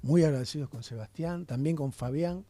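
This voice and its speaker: A man's voice: a little high, brisk, dark tone. A man, a guest in a radio interview, talking passionately and often checking in with his listener. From Argentina. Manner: passionate, talks with rhetorical tags.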